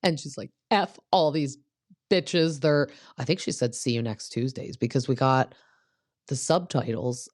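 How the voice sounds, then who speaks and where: A woman's voice: a bass voice, normal speed, a little mellow, no room sound, clean studio sound. A woman hosting a podcast, giving a casual, opinionated recap of a reality show and filling her talk with "like". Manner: chatty and opinionated, full of "like" fillers. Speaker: podcast host.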